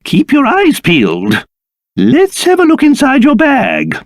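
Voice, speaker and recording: An actor playing a pompous, fussy old king turned into a small monster in a video game, with a British accent and a theatrical, excitable delivery. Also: extremely high pitch, measured pace, no echo, studio quality, heavily acted. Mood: encouraging.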